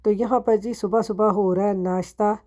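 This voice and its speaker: A Pakistani woman who vlogs from home chats through a voice-over of her daily routine despite a sore throat, talking to viewers and asking them questions. Her medium-pitched voice is mellow and steady, at a moderate pace.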